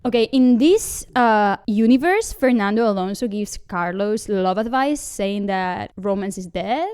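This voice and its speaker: A woman's voice: medium pitch, expressive, unhurried, darkish tone, clean tone. A woman hosting a comic fan fiction reading, with wry, sarcastic, laughing asides.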